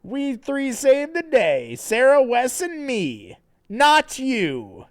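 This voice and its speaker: A boastful cartoon hedgehog hero talks in a squeaky, very high voice, as a man puts him on. He stumbles and restarts, yet stays self-important and loud. The sound is clean and dry. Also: huge pitch swings, slow pace, no room sound, exaggerated voice. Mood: smug.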